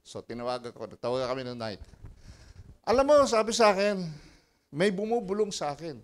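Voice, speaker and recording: A man with a Filipino accent, a pastor preaching a sermon and telling personal stories with lively, animated delivery. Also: high-pitched, fairly quick. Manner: animated storytelling, mixing Tagalog and English, laughing often.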